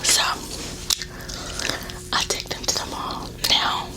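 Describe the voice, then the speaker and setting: A woman whispering a casual, confiding ASMR storytime in an informal, chatty way while chewing gum. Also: slow pace. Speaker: ASMR video creator.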